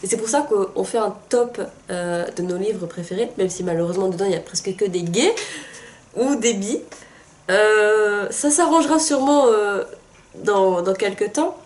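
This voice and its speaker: A woman's voice: medium pitch, moderate pace, a little mellow. A young woman co-hosting a book video, unwell and chatting casually with lots of hesitations. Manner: chatty, hesitant with many fillers. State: sick. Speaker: book channel co-host. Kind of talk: casual chat.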